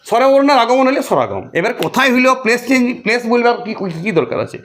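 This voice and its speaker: A man's voice: extremely high pitch, very animated, a little fast, a bit bright, a little hiss or hum. A man teaching a grammar lesson for exam students, talking to the listener in a colloquial, repetitive way with many rhetorical questions.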